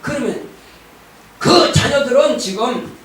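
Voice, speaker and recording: A man's voice: very high-pitched, animated, takes it slowly, fairly bright tone. A middle-aged man preaching a sermon as pastor, emphatic and calling for responses from the congregation. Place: church sanctuary. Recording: very echoey church hall, distant mic.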